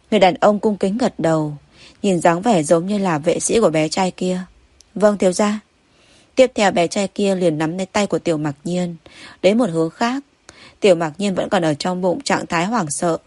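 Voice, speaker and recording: A woman's voice: fairly low pitch, a little mellow, no room sound. A woman narrating a novel as an audiobook, reading evenly and steadily. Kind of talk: scripted story narration.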